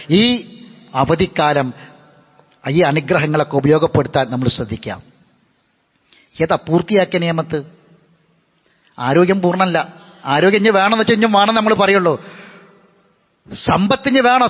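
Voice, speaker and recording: Impassioned high-voiced man preaching in a mosque. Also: normal speed, pauses often. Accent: Malabar Malayalam. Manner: impassioned, rising to high emphatic lines and dropping low; repeats phrases for emphasis, chants Arabic verses. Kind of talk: Friday sermon. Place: mosque hall. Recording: long mosque reverb, dull lo-fi sound.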